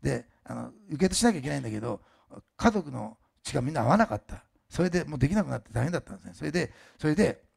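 An older male pastor giving a sermon with a personal testimony, talking fast and emphatically with chatty asides and restarts, and admitting his diction has slurred lately. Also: on the high side, animated, gravelly, darkish tone, husky.

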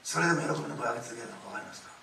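A middle-aged man preaching a sermon, telling stories with lively acted-out quotes, in a church hall. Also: medium pitch, very fast, background noise. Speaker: pastor. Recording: echoey room, distant mic, faint ambience.

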